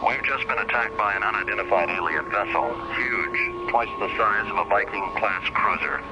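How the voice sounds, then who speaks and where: A man's voice: on the low side, moderate pace. An actor playing a male freighter captain calling in over a ship's radio, using clipped radio procedure that ends with "over". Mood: tense. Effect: radio transmission. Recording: muffled, lo-fi radio with loud noise.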